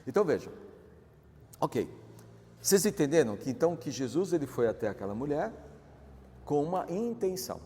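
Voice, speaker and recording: A man's voice: a little high, big pitch swings, moderate pace, long pauses, mellow, a little hiss or hum. A male pastor with a Brazilian accent preaching a sermon in a conversational way, often asking his listeners questions. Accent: Brazilian Portuguese. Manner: conversational, asks the audience questions. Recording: church hall with long reverb.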